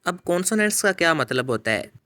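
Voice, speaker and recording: A middle-aged man teaching students, speaking deliberately, addressing them directly and drilling example words one at a time. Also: fairly high pitch, sing-song, sharp tone. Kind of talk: explaining phonetics to students.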